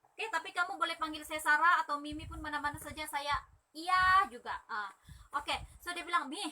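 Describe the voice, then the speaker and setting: A woman's voice: sits high, brisk. A young woman hosting a chatty live stream as a corset sales agent, telling stories and acting out other people's lines. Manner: lively, acts out other people's lines in quotes.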